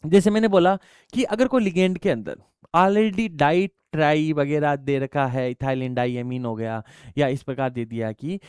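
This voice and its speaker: High-voiced man teaching chemistry. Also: normal speed, a little mellow, clean tone, no room sound, studio quality. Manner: explains step by step, asks students questions and answers them himself; addresses students affectionately as child. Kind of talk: classroom lecture.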